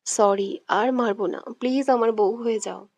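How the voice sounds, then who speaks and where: A woman's voice: a little high, measured pace, darkish tone, no room sound. A woman voicing a hot-tempered, bossy young man. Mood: sulky. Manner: curt, threatening, bossy.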